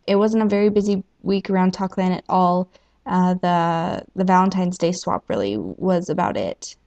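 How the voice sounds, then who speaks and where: A woman with a Southern American accent hosts a casual podcast roundup in a middle-pitched voice. She giggles through her sentences and leans on plenty of ums. The recording sounds a little muffled. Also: a little mellow. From United States. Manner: giggly, many ums and laughs. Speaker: podcast host. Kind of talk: casual news roundup, then reading a story.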